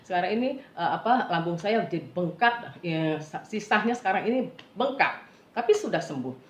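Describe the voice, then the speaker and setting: A middle-aged woman giving a personal faith testimony in an earnest, halting way, often turning to address her listeners directly. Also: lowish voice, expressive. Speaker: testimony speaker. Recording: roomy, dull lo-fi recording.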